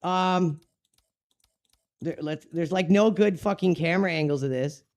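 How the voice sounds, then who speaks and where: A man's voice: fairly high pitch, unhurried, darkish tone. A man giving casual video game commentary as a streamer, talking like a frat bro with heavy slang, swearing and exasperated ranting. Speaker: gaming streamer.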